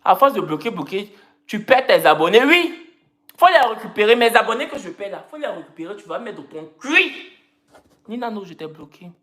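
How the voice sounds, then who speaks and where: A woman's voice: medium pitch, lively intonation, brisk, fairly bright tone. A woman chatting casually on a live stream, teasing and repeating her phrases in a playful, joking way. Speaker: social media personality. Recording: roomy echo.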